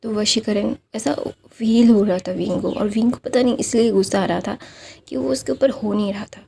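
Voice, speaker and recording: A woman's voice: medium pitch, fairly even intonation, moderate pace, gravelly, warm tone, a little hiss or hum. A woman casually retelling a fan story in a chatty, repetitive, hesitant way.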